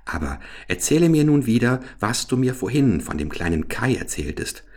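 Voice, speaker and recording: A man's voice: mid-range voice, very animated, normal speed, darkish tone, pitched above the performer's own voice. A man voicing a fierce, wild little robber girl who talks in a bossy, teasing and threatening way.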